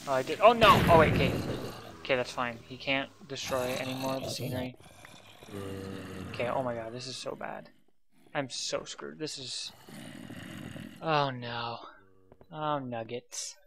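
A man's voice: mid-range voice, level tone, moderate pace, pauses often, background noise. A man giving casual gameplay commentary, exasperated, muttering to himself and sighing often. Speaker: let's play commentator.

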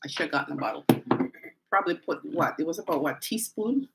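A woman hosts a live stream from home, chatting casually, laughing often, and addressing her viewers directly. Her low-pitched voice is expressive and quick. It's picked up by a phone or camera mic, and the audio is very noisy.

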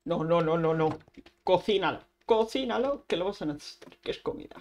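A woman's voice: fairly low pitch, lively intonation, brisk, a little mellow. A woman, streaming Minecraft casually, chatting to herself and making little sound effects as she plays. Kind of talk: casual Minecraft let's play.

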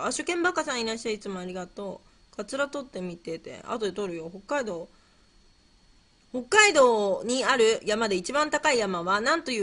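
This livestream host has a mid-range, slightly bright voice. She chats casually with viewers, fumbling playfully through quiz questions, thinking out loud and saying things more than once.

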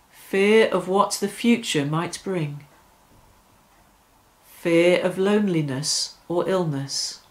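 A middle-aged church worship leader leads prayer and a devotional reflection in a small furnished room indoors. She speaks slowly in a lowish voice, measured and reverent, with deliberate phrasing. The audio quality is poor.

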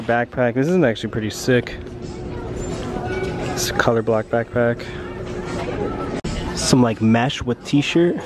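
A young man vlogging as he walks through mall stores with a handheld camera, talking in an excited, hyped sneakerhead way. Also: mid-range voice, noisy background. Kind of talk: casual shopping vlog. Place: large indoor retail stores at a mall.

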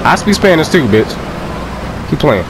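A young man giving loud, profane, joking let's play commentary and laughing often. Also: on the high side, sing-song, moderate pace, background noise. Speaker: gameplay commentator.

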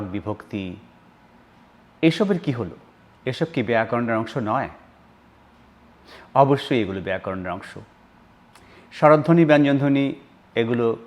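A man from Bangladesh giving an explanatory video lecture on grammar, stressing key terms and walking through spoken examples. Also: mid-range voice. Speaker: linguistics lecturer.

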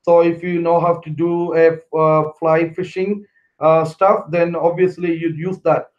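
A middle-aged man from India, talking casually to camera from his couch as a fishing vlogger, halting with many fillers and restarts. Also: on the high side, little pitch movement. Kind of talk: casual how-to talk to camera. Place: small living room, on a couch. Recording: slightly dull lo-fi sound.

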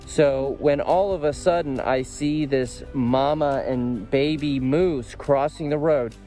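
A man's voice: medium pitch, slow, dark tone, faint music behind. Wry bearded man vlogging outdoors. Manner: wry, matter-of-fact storytelling. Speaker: motorcycle travel vlogger. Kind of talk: casual travel vlog. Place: outdoors in a parking lot beside his motorcycle. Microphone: phone or action camera at arm's length.

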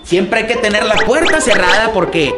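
A man's voice: high-pitched, animated, moderate pace, very noisy. A man playing a silly, forgetful clown in a children's comedy skit, rambling and repeating himself with a Mexican accent. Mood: chatty, rambling. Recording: loud music under the voice.

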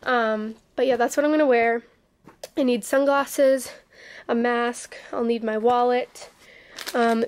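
A woman's voice: on the high side, a little mellow. A woman in her twenties chatting casually to her camera at arm's length in her bedroom, with lots of ums and likes. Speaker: vlogger. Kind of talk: casual vlog chat. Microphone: handheld camera at arm's length.

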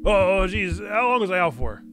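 A man's voice: high voice, very animated, moderate pace, over music, pitched above the performer's own voice. A man voicing an embarrassed, listless young artist from a game with a broad Italian-American accent.

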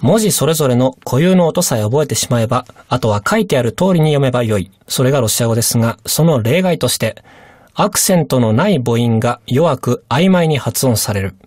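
Very low-voiced woman explaining a lesson. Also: animated, a little fast, darkish tone, no room sound, clean studio sound. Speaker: language course instructor.

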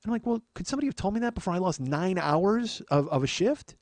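Quick and sing-song, a middle-aged man's fairly high, slightly mellow voice carries a rambling, profane comic monologue on his comedy podcast. He keeps cutting himself off with digressions and working himself up in casual chat, and the recording is dry.

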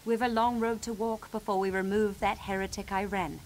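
A woman's voice: mid-range voice, level tone, normal speed, natural voice. Brief: a woman voicing a demanding combat overseer, curt delivery, faint noise. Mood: stern. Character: stern female officer overseeing combat trial.

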